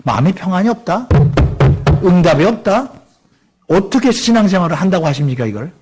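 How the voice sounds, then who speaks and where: Lively middle-aged pastor preaching. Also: male voice, sits high, brisk, over music. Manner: lively preaching, acts out quoted voices, asks the congregation questions. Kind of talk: sermon. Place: church sanctuary.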